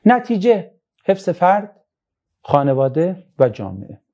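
A man giving a moral lecture to a young audience, telling stories with lively emphasis and quiet asides. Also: dull audio. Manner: animated storytelling, voice rising high for emphasis, drops low for asides.

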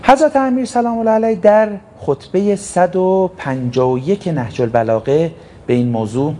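A man's voice: high-pitched, mellow, a little hiss or hum. A man preaching a sermon, emphatic, asking rhetorical questions and answering them himself. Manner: storytelling preacher who acts out short quotes. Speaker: cleric preacher.

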